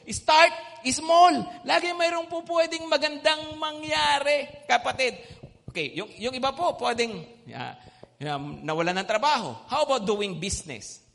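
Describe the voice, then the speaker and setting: A male preacher giving an animated sermon, mixing in English phrases and checking in with the crowd. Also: high voice, gravelly. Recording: long hall reverb.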